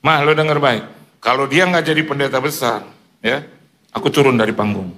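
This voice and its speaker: A man preaching in a church, telling a funny story with lively quoted asides and frequent laughter. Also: mid-range voice, brisk, a little hiss or hum. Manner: animated, joking, mimics others in quoted asides. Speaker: pastor. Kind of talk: sermon with humorous storytelling.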